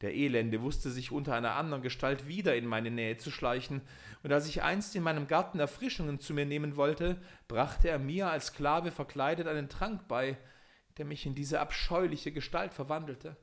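Man doing a lamenting owl princess, raised pitch, plaintive, fairy tale audiobook. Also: moderate pace, lightly acted. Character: sorrowful enchanted owl princess, female, young.

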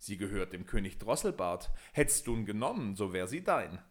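A man's voice: on the low side, big pitch swings, normal speed. A man voicing a ragged male beggar minstrel in a fairy tale, speaking plainly with a reproachful edge.

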